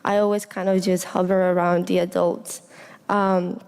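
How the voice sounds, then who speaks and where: A young Honduran woman, speaking as a student, addresses an audience with an earnest, reflective personal speech. She has a lowish, flat delivery at a moderate pace, with a darkish yet clear, resonant tone. Long reverb fills the echoey indoor hall.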